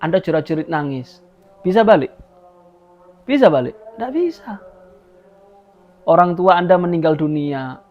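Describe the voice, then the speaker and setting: A man with a Javanese accent preaching a religious sermon, lively and expressive, dropping into local phrases and acting out quoted voices. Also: on the high side, unhurried, long pauses, soft background music. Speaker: Islamic preacher. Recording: dull lo-fi live stream audio.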